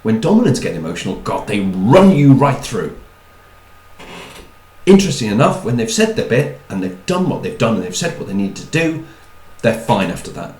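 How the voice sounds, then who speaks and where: A man's voice: mid-range voice, very animated, normal speed, a little mellow. Chatty man in an echoey room. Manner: chatty, wry asides, repeats words. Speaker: speaker on personality types. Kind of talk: talk to an audience.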